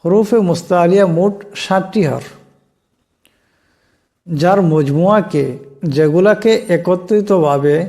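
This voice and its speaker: A man teaching Quran reading in Bengali, explaining slowly and deliberately, stretching out each example word. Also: high voice, warm tone. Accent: Bangladeshi Bengali. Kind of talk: Quran recitation lesson.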